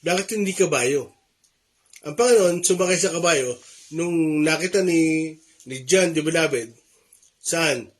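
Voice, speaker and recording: A man's voice: fairly high pitch, unhurried, long pauses. A man with a Filipino accent preaching a morning devotion sermon, earnest, repeating his points and rising in emphasis.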